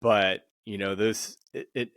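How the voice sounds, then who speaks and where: A man's voice: lowish voice, fairly even intonation, measured pace, a bit bright, dry recording. A middle-aged man hosting a panel interview, rambling with many fillers and restarts. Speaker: podcast host and sync agent.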